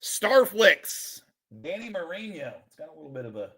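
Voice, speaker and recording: A man streaming live as he sorts through a collection, calling out names with bursts of excitement and then dropping into quiet muttered asides. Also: high voice, moderate pace, slightly rough. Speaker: sports card streamer opening a collection. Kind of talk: live-stream commentary while sorting cards.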